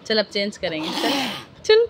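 A woman's voice: mid-range voice, huge pitch swings, normal speed, noisy background. A woman filming a home vlog, alternately coaxing and scolding her small child in a bedroom. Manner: scolding and coaxing a small child, swinging between playful and stern. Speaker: mother filming her toddler. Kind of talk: casual home vlog talking to a toddler.

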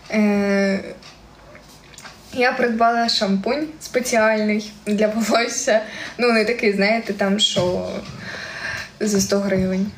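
A young woman from Ukraine speaking with a central Ukrainian surzhyk accent, chatting casually on a live stream and reading viewer comments aloud with frequent giggles. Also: a little high. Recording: echoey room with faint ambient noise.

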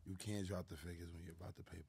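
A middle-aged New York man talks in a laid-back street manner, leaning on fillers. His voice sits very low with a dark, mellow tone. The sound is dry and close, from a studio boom mic. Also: little pitch movement, very fast, gravelly, husky, no echo. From New York City. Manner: laid-back street talk with many "you know what I'm saying" fillers. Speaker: guest. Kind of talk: casual interview. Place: small studio lounge with plants, indoors. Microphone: studio mic on a boom arm.

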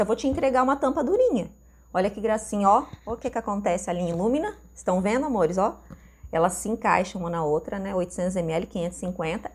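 A woman from Brazil chatting excitedly to her viewers while unboxing kitchenware at home. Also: medium pitch, a little hiss or hum. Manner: chatty and gushing, calls viewers "amores". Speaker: vlogger unboxing and reselling kitchenware. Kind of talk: casual unboxing chat to viewers. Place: home room with a mirror.

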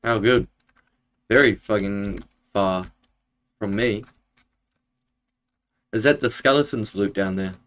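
A young man chats with his viewers while he plays, at an unhurried pace and in a slightly low voice. His talk is laid-back and loose, full of fillers, and he is at a desk mic in a room at home. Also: fairly bright tone. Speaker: Minecraft streamer. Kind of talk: casual live-stream gaming chat.

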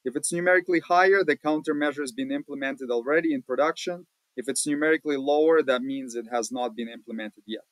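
A man hosting a casual screen-share walkthrough, talking in a relaxed, plain-spoken way with many fillers, recorded at a home desk. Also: medium pitch, fast talker, dry recording, rough recording. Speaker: automotive channel host.

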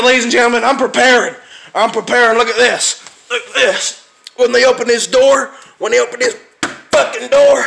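A man doing a shrill, gravelly, furious paranoid ranter. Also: heavily acted. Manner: yelling, cursing constantly, rambling and losing his words. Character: furious paranoid conspiracy-minded man, foul-mouthed, easily sidetracked. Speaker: comedy skit character. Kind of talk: comedic rant skit.

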